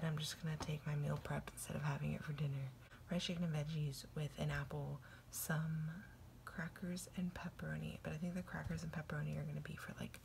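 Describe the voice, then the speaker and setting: A young woman whispering her morning vlog quietly in her kitchen so as not to wake a sleeping roommate. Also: low-pitched, vocal fry, noisy background. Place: home kitchen, early morning.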